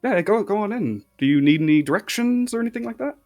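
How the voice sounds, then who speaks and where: A man's voice: high voice, lively intonation, fast, a little mellow, soft background music, pitched above the performer's own voice. A man doing a cheery small-town gate guard. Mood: teasing.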